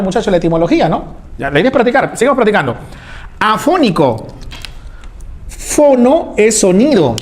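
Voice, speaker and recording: A male teacher giving a lecture, animated, asking questions and answering them himself. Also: high voice. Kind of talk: classroom lecture.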